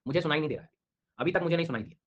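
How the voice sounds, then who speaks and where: A man's voice: fairly high pitch, rapid-fire, a bit bright. A middle-aged male teacher giving an online exam-prep lecture, teasing his students with jokes while drilling names over and over. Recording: dull lo-fi online class audio.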